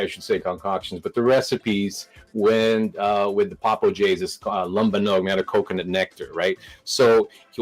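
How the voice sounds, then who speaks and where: A man's voice: fairly low pitch, poor audio. A man hosting a live stream, talking casually with many restarts and a nervous laugh.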